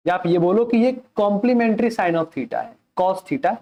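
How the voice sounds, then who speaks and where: Male math tutor, unhurried lecture delivery with a warm tone that drops English terms into his Hindi. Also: sits high, lively intonation. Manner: keeps asking the class questions and answers them himself. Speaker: math teacher.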